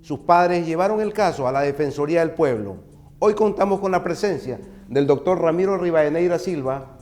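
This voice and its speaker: A male presenter with an Ecuadorian accent speaks in a notably high register. He delivers formal, scripted hosting lines, with music playing under his voice. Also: normal speed, darkish tone. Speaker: programme host.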